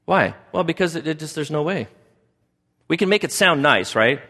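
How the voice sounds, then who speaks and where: A man's voice: fairly high pitch, expressive, normal speed, pushed and bright. A man preaching a sermon as pastor, talking in a conversational way and often asking the congregation questions. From United States. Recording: long hall reverb.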